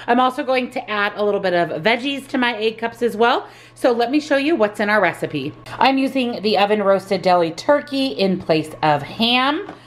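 Woman, cooking vlog voice-over, enthusiastic, chatty, a bit high-pitched. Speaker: meal prep vlogger and nutrition coach.

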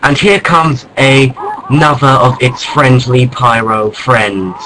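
A man narrates in the hushed, mock-serious manner of a wildlife documentary, deadpan and unhurried. His pitch sits in an ordinary middle range, and he breaks into startled exclamations now and then. Faint background noise runs beneath his voice. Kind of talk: mock nature-documentary narration over gameplay.

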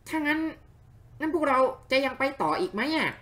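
A man's voice: extremely high pitch, very animated, moderate pace, pushed and bright, voice pushed up, heavily acted. Brief: chirpy, eager little game sidekick, played by a man in a raised voice, faint music behind. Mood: uneasy.

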